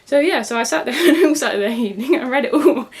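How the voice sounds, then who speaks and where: A woman's voice: high voice, lively intonation, quick pace. Chatty young woman reviewing books. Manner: rambling, self-correcting, laughs often. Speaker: book vlogger. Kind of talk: casual book review chat.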